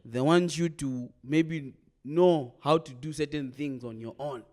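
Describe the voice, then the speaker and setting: Man, podcast co-host, hesitant, slightly high voice. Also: a little mellow. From Zambia. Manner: hesitant, halting with fillers. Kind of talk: casual podcast discussion.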